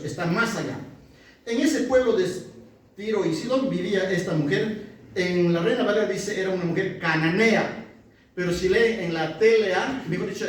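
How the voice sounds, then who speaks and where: A man teaching a Bible study in a conversational way, often checking in with his listeners by asking whether they follow. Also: high-pitched. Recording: very echoey room, far from the mic.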